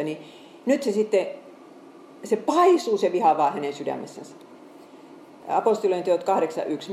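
A woman preaching a sermon with Bible readings, earnest and conversational, often halting and restarting. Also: fairly low pitch, warm tone, reverberant, slight background noise, low-quality recording.

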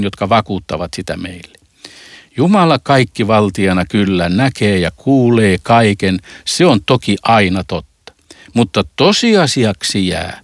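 A man preaching a sermon, reading quoted verses slowly and earnestly. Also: fairly low pitch, no echo, clean studio sound. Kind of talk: sermon on scripture.

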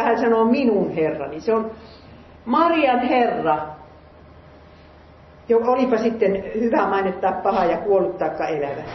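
A woman's voice: mid-range voice, a little hiss or hum. A woman reading scripture aloud and musing on it in an earnest sermon, asking her listeners questions. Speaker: lay preacher. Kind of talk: Bible reading with sermon commentary. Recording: roomy, muffled recording.

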